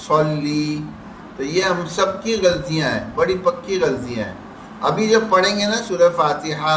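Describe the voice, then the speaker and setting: Male tajweed teacher, slow syllable drills, faint hiss behind, distant mic. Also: on the high side, fairly bright tone. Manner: drawn-out syllable drills between quick explanations. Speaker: Quran recitation teacher. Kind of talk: tajweed class lesson. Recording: echoey room, distant mic.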